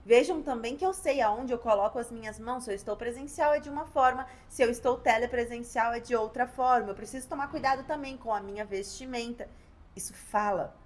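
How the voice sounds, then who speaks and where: A Brazilian woman lawyer teaching colleagues how to argue in court, changing her pace and loudness on purpose and acting out courtroom lines. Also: a little high. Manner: varies pace and loudness on purpose, pausing for emphasis; acts out courtroom lines to show how to speak. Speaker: labor lawyer giving advice. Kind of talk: instructional talk to the camera.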